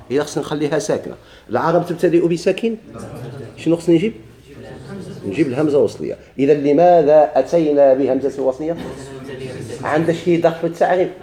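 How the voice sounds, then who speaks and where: A man with a Moroccan Arabic accent teaching a grammar lesson, asking questions and answering them himself, and repeating key words slowly. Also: a little high, warm tone, echoey room.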